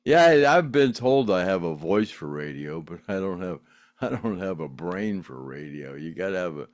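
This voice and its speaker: In a clean studio recording without echo, an older man with a low, lively voice reads out viewer comments as a podcast host at a moderate pace. His casual chatter meanders, punctuated by frequent laughs, fillers and restarted phrases.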